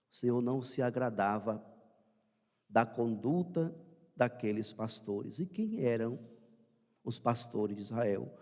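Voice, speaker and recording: A Brazilian man, a priest, reading the Gospel and preaching a Sunday homily with measured pauses. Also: medium pitch, darkish tone. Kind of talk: Sunday homily broadcast on radio. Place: church. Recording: church hall reverb.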